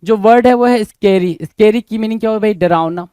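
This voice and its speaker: High-pitched teacher quizzing students. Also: male voice, fairly quick, warm tone, clear, resonant tone, dry recording. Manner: quizzing, keeps asking "bhai?" then answering. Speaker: English vocabulary teacher. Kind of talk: Hindi-English exam-prep lesson.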